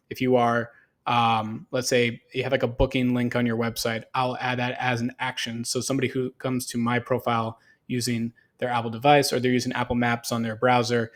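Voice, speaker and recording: In a relaxed screen-share session, a man who works as a marketing consultant explains things off the cuff, talking through examples conversationally. His voice is medium-pitched.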